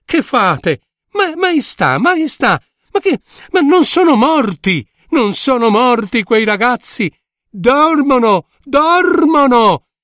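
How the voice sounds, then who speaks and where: A man voicing a frantic old woman who is secretly a fairy, crying out in shrill pleading calls. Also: animated, slow, a bit bright, no room sound, studio quality, exaggerated voice. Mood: frantic, urgent.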